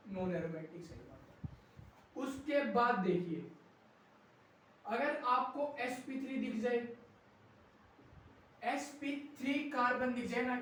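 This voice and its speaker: Male teacher, high voice, echoey room. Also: a little hiss or hum. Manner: keeps quizzing students with quick rhetorical questions; urges students to copy notes quickly. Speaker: chemistry teacher. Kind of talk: classroom lecture. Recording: very echoey classroom, mic far off.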